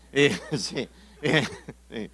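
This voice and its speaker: A man from Argentina with an Argentine accent preaching a sermon, telling stories, asking rhetorical questions and often clearing his throat. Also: medium pitch, very slow, bright, forceful tone. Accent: Argentine Spanish. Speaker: pastor.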